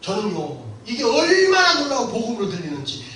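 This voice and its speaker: A man's voice: very high-pitched, huge pitch swings, a little fast. Impassioned male pastor in an echoey church. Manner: impassioned, storytelling, often shouting. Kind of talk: sermon lecture to a congregation. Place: church hall. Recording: very echoey church hall, mic far off, faint noise.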